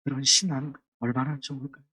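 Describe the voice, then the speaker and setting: A man preaching a sermon as pastor, earnest, dropping to a gentle voice when quoting. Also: mid-range voice, level tone, fast talker, husky, distant mic. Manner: earnest, softens to a gentle voice for quoted words. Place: church sanctuary.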